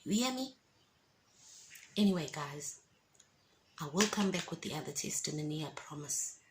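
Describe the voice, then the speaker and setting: A woman's voice: deep voice, lively intonation, normal speed, background noise. A woman, giving an emphatic, encouraging faith testimony in a casual vlog. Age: 50s. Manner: emphatic and encouraging, preachy asides.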